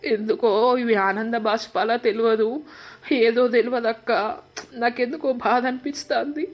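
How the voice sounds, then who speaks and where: A woman's voice: mid-range voice, steady tone, brisk, lo-fi sound, lightly acted. A woman voicing an earnest young son in a cartoon, with a Telangana Telugu accent and a pleading way of talking. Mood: tearful. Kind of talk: animated cartoon voice acting.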